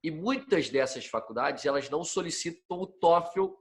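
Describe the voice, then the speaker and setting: A young man with a Brazilian Portuguese accent, casually telling his own story on a podcast in a relaxed, slangy way, often checking in with the listener. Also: a little high, normal speed. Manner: relaxed, slangy, frequent tag questions.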